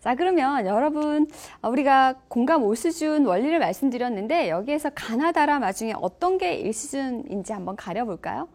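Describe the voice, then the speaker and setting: Middle-aged woman teaching an online class, lively pitch that rides up and down, fairly high voice. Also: moderate pace, hardly any pauses. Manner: engaging, asks audience questions. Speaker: lecturer. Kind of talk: online lecture on empathy.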